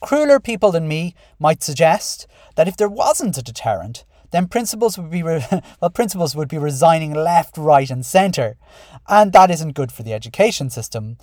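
A man's voice: a little high, very animated, moderate pace, a little mellow, no echo. Irish man hosting a podcast, dry close sound. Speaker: podcast host and school principal. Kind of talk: podcast monologue, part scripted, part conversational.

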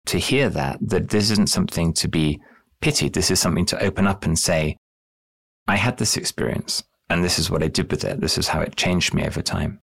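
A man's voice: low voice, a little fast, creaky, a bit bright, breathy edge. A man hosting a podcast, asking thoughtful questions and repeating words as he forms them. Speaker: podcast host. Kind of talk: interview questions.

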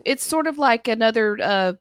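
A woman's voice: fairly high pitch, animated, normal speed, no room sound. Worn out lady chatting on a podcast, says y'all, dry close sound. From Alabama. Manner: folksy, uses y'all. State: tired. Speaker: podcast co-host presenting a segment. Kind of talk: casual podcast chat.

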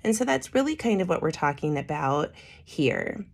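A woman hosts a casual solo podcast with a hoarse voice that is giving out. Her pitch sits a little low and gravelly creak runs through it. She still talks with emphasis and enthusiasm. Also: sing-song, normal speed, darkish tone. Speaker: podcast host.

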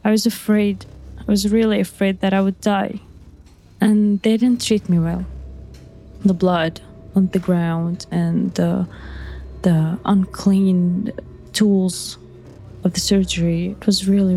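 A young woman whose first language is Arabic, recounting her own experience in halting speech, repeating words with soft nervous laughs. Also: medium pitch, flat delivery, slight background noise. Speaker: interviewee. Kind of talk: recounting personal testimony.

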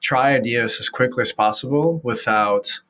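A man's voice: medium pitch, normal speed, pushed and bright, a little hiss or hum. A man in his thirties from Venezuela, a startup founder speaking English as a second language, talking casually as an interview guest with many fillers and restarts. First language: Spanish.

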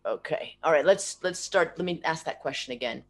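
A woman's voice: sits low, a little fast. A woman interviewing a guest over a video call whose sound keeps breaking up. She thinks aloud, restarts her sentences and ends many of them with tag questions. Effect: video call audio that breaks up. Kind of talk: remote interview. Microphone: computer or laptop mic on a video call.

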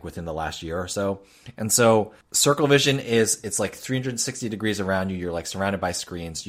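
A man co-hosting a casual talk show, speaking conversationally with frequent fillers. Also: deep voice. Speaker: podcast co-host. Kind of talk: casual chat.

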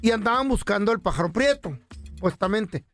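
A man with a Mexican Spanish accent hosting a podcast, telling a story in a lively, casual way. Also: high-pitched, fairly quick. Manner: animated, acts out quotes. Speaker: podcast host.

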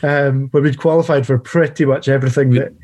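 A man co-hosting a casual football chat, halting and repeating words, with dry humour. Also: medium pitch, fairly even intonation, a little mellow. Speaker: podcast co-host.

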